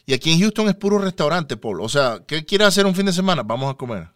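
A man hosting a Spanish-language podcast interview, casual and halting, with lots of fillers and repeated words. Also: fairly high pitch, sing-song, a bit bright, dry recording, studio quality. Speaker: podcast host. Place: lives near Houston, Texas.

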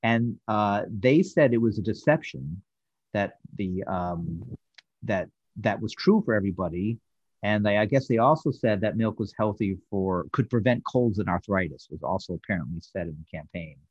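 A man co-hosting a podcast talks through his research in a halting, self-correcting way. His voice is husky and sits low. The recording is dull, lo-fi and dry. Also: animated, no echo. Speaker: podcast co-host. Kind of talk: casual chat about a TV episode.

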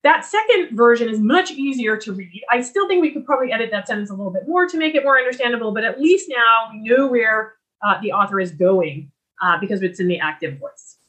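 A woman giving a recorded lecture on writing, explaining clearly and restarting her sentences as she talks. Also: fairly high pitch, expressive, brisk, fairly bright tone. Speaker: writing instructor.

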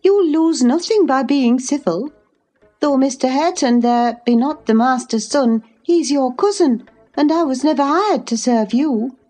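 A plainspoken, no-nonsense housewoman, played by a woman reading a story. She speaks slowly and firmly, pitched above the reader's own voice. Faint music lies underneath. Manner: firm, calm rebuking. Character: plainspoken older housewoman, firm and unbothered.

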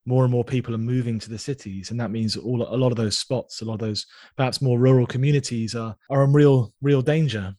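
A man hosting a podcast, interviewing a guest and then reflecting on the conversation in an earnest, measured way. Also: mid-range voice, fairly even intonation, dark tone. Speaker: podcast host.

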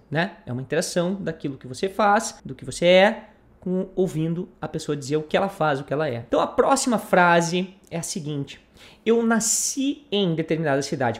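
A man from southern Brazil with a southern Brazilian Portuguese accent, teaching English in an online lesson. He says model phrases slowly and drawn out for repeating, in a patient, coaching way. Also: high-pitched. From Porto Alegre, southern Brazil.

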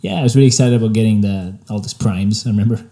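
Brief: laid-back photographer guest, young man with a French accent, low mellow voice. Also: racing. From Spain. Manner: relaxed, laid-back and reflective, with frequent fillers. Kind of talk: casual interview.

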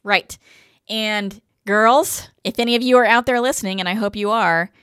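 This podcast co-host, a woman in her 50s, keeps things chatty, reading aloud from articles and then offering her own remarks. She speaks at normal speed in a smooth, fairly bright mid-range voice, recorded at studio quality without echo.

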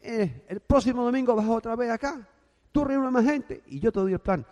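A cheerful, brash Cuban businessman, put on by a man telling a story. He is chummy and pushy, with a bright high voice that swings up and down. A long hall reverb trails behind him. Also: expressive, normal speed, muffled recording. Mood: breezy. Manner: brash, chummy, calls everyone brother.

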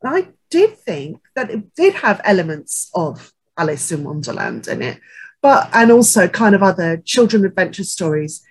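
A woman co-hosting a casual book-chat podcast, reflective and quick to agree. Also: fairly low pitch, sing-song, slightly rough. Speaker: podcast co-host.

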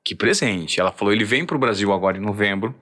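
A man's voice: fairly low pitch, rapid-fire. A man with a Brazilian Portuguese accent, hosting a casual chat and telling stories energetically. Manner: energetic storyteller, slangy.

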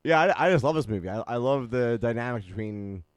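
A man's voice: mid-range voice, expressive, fast, smooth, dry recording. A man in casual podcast chat about movies, easygoing and hesitant, with frequent ums.

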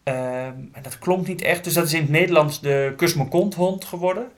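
A man, a translator and parent, explaining his work in a relaxed interview, thinking aloud with restarts. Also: a little high, moderate pace. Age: adult parent. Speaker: book translator. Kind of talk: casual interview talk.

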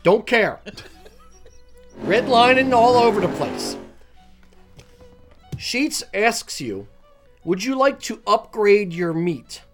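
A man hosting a podcast, ranting loudly and emphatically so that his voice clips and distorts the mic. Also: high-pitched, very animated, slow pace, long pauses. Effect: loud speech clipping and distorting the mic. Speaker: podcast host. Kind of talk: casual podcast chat. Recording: loud speech clipping the mic, faint music.

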